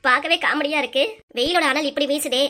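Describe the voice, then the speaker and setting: Fast, bright-voiced woman in quarrel mode. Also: high-pitched. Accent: southern Tamil Nadu. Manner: sharp, bickering, rapid-fire. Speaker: cartoon voice performer. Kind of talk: quarrelsome family cartoon dialogue.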